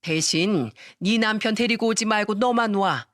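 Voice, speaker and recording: Woman putting on a mother-in-law, older, greedy, domineering, shrill, slow demanding drawl, dry. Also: no room sound, natural voice. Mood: scheming.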